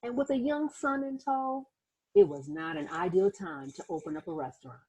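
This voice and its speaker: Reading a children's picture book aloud as host, this woman uses an expressive storytelling style and drops in small asides for young listeners. She speaks at normal speed in a high-pitched, slightly rough voice, captured on poor audio.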